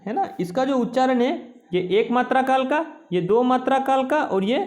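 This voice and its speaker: A man teaching a Sanskrit lesson, explaining slowly and often checking with "है ना" and "ठीक है". He stretches out vowel sounds to show how long each is held. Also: very high-pitched, lively intonation, darkish tone. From India. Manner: slow and explanatory, repeating "है ना" and "ठीक है" to check understanding; draws out vowels to show their length. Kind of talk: classroom lesson.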